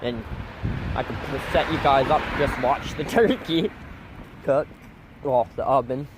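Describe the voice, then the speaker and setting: A man's voice: mid-range voice, measured pace, noisy background. A man chatting casually as a streamer, rambling in a blunt, profane, meandering way. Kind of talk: casual rambling livestream chat.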